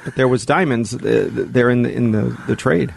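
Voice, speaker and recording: A middle-aged man hosting a radio interview, asking leading questions with small laughs and a warm-hearted manner. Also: medium pitch, normal speed, creaky, a little hiss or hum. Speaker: host.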